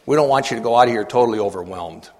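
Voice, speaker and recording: A man's voice: mid-range voice, a little mellow. Earnest older man in a reverberant hall. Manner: earnest, halting, repeats words, asks the audience questions. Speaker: church committee member speaking at a meeting. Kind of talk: earnest talk to an audience.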